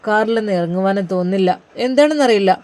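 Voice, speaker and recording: A narrator voicing a worried, pious young husband, pleading in earnest prayers. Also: male voice, sits high, animated, fast talker, a little mellow. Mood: anxious. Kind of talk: storybook narration, inner monologue.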